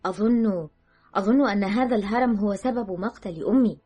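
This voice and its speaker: A woman's voice: medium pitch, fairly quick, warm tone, slightly rough, faint music behind, voice pushed up, close to an everyday voice. A woman narrator voicing a shaken, grieving woman who speaks with a trembling, emotional voice.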